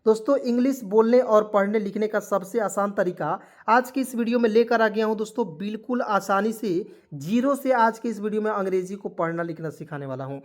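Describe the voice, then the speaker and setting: A man's voice: sits high, fairly quick, few pauses, a little mellow. A man teaching a spoken language lesson as a channel host. He keeps calling viewers friends, spells words out letter by letter, and asks questions that he answers himself. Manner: spells words letter by letter, repeats key points. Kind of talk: spoken video lesson with motivational asides.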